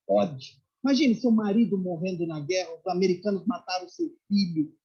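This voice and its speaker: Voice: medium pitch, slightly rough. A speaker, telling religious stories in a sermon and acting out the voices of the people in them. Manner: animated storyteller who acts out quoted voices and often adds "né?". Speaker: religious lecturer. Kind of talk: storytelling sermon. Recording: dull lo-fi recording.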